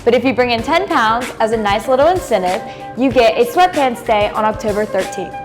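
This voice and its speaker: A teenage student announcer on a school news show, explaining steadily with a few fillers. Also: female voice, on the high side, lively intonation, fairly quick, music in the background. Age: teens.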